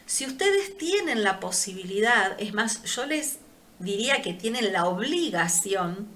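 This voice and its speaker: Slow, bright-voiced woman lecturer. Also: fairly high pitch, slight background noise. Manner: measured teacherly, frequent "¿no?" tag questions. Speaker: seminary lecturer. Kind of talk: recorded online class lecture.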